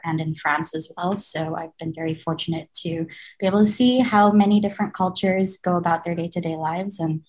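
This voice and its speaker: Guest, woman from Indonesia, lowish voice, articulate and friendly. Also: a little mellow. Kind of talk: casual panel chat.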